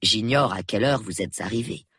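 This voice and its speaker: A man's voice: fairly low pitch, husky, no echo, clean studio sound. Man doing a prim, shrewd old spinster. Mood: calm, knowing. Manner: measured, precise and calmly reproving. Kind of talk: audiobook character voice.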